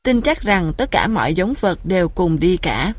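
A woman voicing a gloomy old male crane who complains in a weak, hoarse voice in a storybook reading. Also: on the low side, sing-song, normal speed. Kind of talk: storybook narration.

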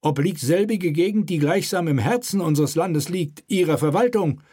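A man's voice: fairly high pitch, animated, moderate pace, mellow, husky, voice pushed up. A male reader voicing a stiff royal officer who speaks in a formal, long-winded, officious way.

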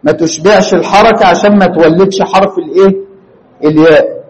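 A man's voice: high voice, fairly even intonation, brisk, darkish tone, poor audio. A man with an Egyptian Arabic accent teaching a grammar lesson to a class, constantly quizzing students with questions. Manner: questioning, prompts students for answers.

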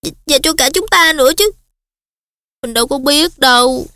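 A woman voicing an anxious, high-strung teenage schoolgirl in an audiobook. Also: normal speed, pushed and bright, no echo, studio quality. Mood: upset. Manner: fretful, high-strung, insistent.

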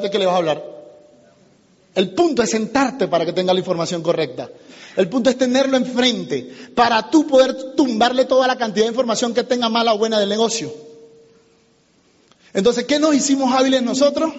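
A man giving an animated motivational seminar talk as a business trainer, addressing the audience and acting out conversations. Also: sits high, brisk. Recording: muffled lo-fi recording in a reverberant hall.

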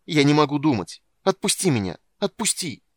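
A man voicing a distraught young male apprentice mage who pleads and shouts in a raised voice. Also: mid-range voice, animated, brisk, dry recording, close to an everyday voice. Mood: desperate shouting. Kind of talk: audiobook character reading.

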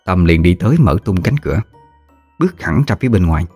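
A man narrating a ghost story in a measured, somber manner. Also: low voice, lively intonation, a little mellow, slightly rough, faint music behind.

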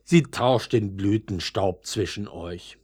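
Gruff old rootstock voiced by a man, storybook figure, grumbling, blunt, low mutter, slow. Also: a little mellow.

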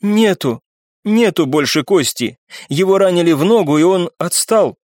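A man's voice: high voice, expressive, moderate pace, darkish tone, no echo, studio quality, voice pushed up. A man voicing a grieving young woman who speaks in a dull, subdued way.

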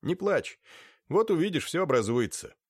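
A kindly young man with a scarred face speaks in a gentle, reassuring, slightly raised voice, as the narrator puts him on. The recording is dry and close. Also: a little high, sing-song, normal speed, breathy edge, dry recording, pitched above the performer's own voice.

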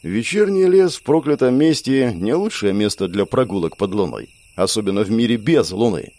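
A man narrating a first-person audiobook in a wry, expressive storytelling manner. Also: on the low side, moderate pace.

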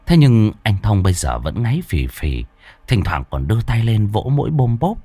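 A man narrating a ghost story in an expressive, dramatic storytelling style. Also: fairly low pitch, moderate pace, breathy edge, no echo.

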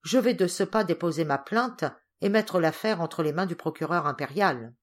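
A woman's voice: lowish voice, expressive, normal speed. A woman voicing an agitated, indignant older uncle in an audiobook. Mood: angry. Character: angry stern older uncle, a man.

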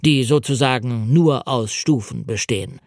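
A man's voice: medium pitch, normal speed, no echo, studio quality, close to an everyday voice. A man reading the lines of a deferential old coastguard who answers politely and ponders aloud.

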